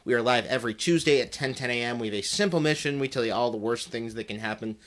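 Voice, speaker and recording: A man's voice: medium pitch, fast, a bit bright. A man hosting a live show, talking through a story in a half-joking mock newscaster delivery, with lots of ums and uhs and wry asides. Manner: wry, joking, many fillers. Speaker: host.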